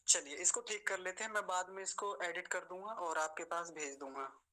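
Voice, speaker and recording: A man teaching a pronunciation lesson online. He speaks patiently and politely, and he slows down to repeat each word syllable by syllable. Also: high voice, steady tone, bright, forceful tone, low-quality recording. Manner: slows down to spell out syllables, repeating words carefully; patient, polite, addresses students respectfully.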